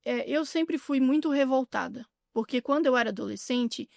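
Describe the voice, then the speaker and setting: A woman with a Brazilian Portuguese accent, speaking candidly as an interview guest, with halting restarts. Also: sits high, vocal fry, a little mellow, no room sound, studio quality. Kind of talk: casual interview chat.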